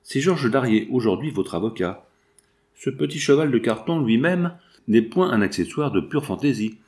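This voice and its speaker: A man voicing a calm, watchful male painter who explains things in a measured, deliberate way. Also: medium pitch, natural voice.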